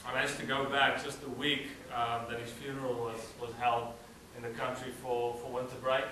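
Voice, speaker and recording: In an event hall, a student from South Africa, native in Afrikaans, delivers a relaxed but halting slideshow presentation with frequent "uh"s at a cultural gathering. His mid-range voice keeps a moderate pace. The distant mic records slight background noise and the roomy acoustics.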